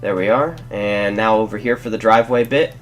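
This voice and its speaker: This Let's Play host is a young man whose cold leaves him congested, and his voice sits on the low side at a fairly quick clip. He narrates a relaxed building guide, meandering, fixing his own slips, and saying sorry.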